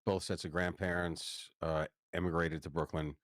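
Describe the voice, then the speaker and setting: A man in his fifties with a New York accent, a guest chatting casually and haltingly with fillers. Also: deep voice, little pitch movement, a bit bright, dry recording, clean studio sound. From Long Island, New York. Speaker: podcast guest. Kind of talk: casual interview chat.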